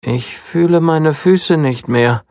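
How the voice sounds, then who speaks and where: A storyteller voicing a whiny young princess in a children's story, pleading and sulky. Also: female voice, deep voice, slow pace, darkish tone, no room sound, studio quality, pitched above the performer's own voice.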